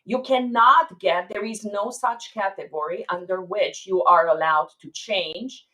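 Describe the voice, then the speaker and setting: A woman's voice: medium pitch, measured pace, bright, forceful tone, rough recording. A woman immigration attorney answering viewers' questions on a live stream, explaining step by step and checking in with "okay?".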